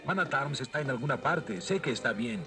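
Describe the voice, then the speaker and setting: A man's voice: medium pitch, expressive, brisk, over music, natural voice. A man voicing a kind, earnest young prince in a Latin American Spanish cartoon dub. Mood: concerned. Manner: sincere, concerned.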